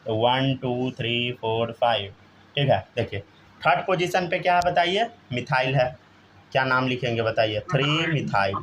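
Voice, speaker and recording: A man teaches a live chemistry class in a mid-range, slightly bright voice with lively intonation and a moderate pace. He constantly prompts students for answers, checks their understanding, and often says "theek hai," over slight background noise.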